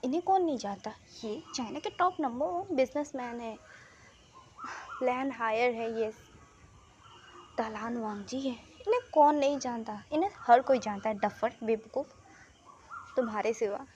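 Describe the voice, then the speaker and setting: Woman playing a strict, scolding mom, high-pitched, sharp words; storybook reading. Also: normal speed, pauses often, a little hiss or hum, natural voice. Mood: lecturing. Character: stern, hot-tempered mother.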